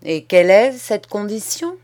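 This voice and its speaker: A woman voicing an irritable, harsh old male schoolmaster who speaks gruffly and impatiently in an audiobook. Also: medium pitch, sing-song, measured pace, darkish tone. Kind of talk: audiobook character reading.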